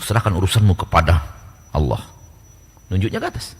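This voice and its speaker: A man's voice: sits low, lively intonation, fairly quick, vocal fry, slightly rough. A man preaching a lecture sermon, full of rhetorical questions and mock back-and-forth dialogue. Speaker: Islamic preacher. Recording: long reverb hall.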